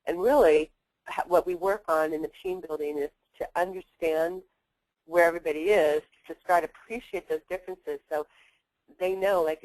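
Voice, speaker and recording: A woman trainer giving a webinar presentation, talking in a fast, blunt, chatty way with many fillers. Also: low voice, a little mellow, dry recording, rough recording. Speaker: workplace trainer.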